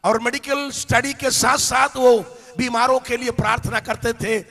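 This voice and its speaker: A man delivers an impassioned sermon in a high, forceful voice. He tells stories and rises to shouted peaks. The sound carries the long reverb of a big hall. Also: steady tone, moderate pace, soft background music. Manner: impassioned, builds to shouted climaxes; storytelling with anecdotes. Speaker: preacher. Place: large hall with a live congregation.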